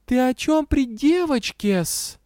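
A man doing a shrill, prim little winged kitten. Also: expressive, slow pace, warm tone, no echo, studio quality, heavily acted. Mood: scolding. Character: tiny winged female kitten, prim and bossy.

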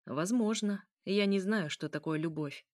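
A woman voicing a calm, stubborn male vampire in an audiobook, speaking quietly and with restraint. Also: mid-range voice, unhurried, no room sound, clean studio sound, close to an everyday voice. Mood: restrained. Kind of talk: audiobook character reading.

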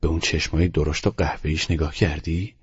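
A man voicing a bossy, practical older housekeeper in an audiobook, speaking in a brisk, commanding way. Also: rumbling low, steady tone, slightly rough, lo-fi sound, exaggerated voice. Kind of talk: audiobook character reading.

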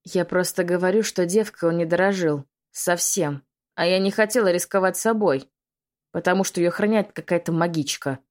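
A woman playing a spiteful witch, high, mocking, hissing, audiobook villainess. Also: moderate pace, a little mellow, lightly acted. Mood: dismissive. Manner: hissing, taunting. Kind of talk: audiobook reading.

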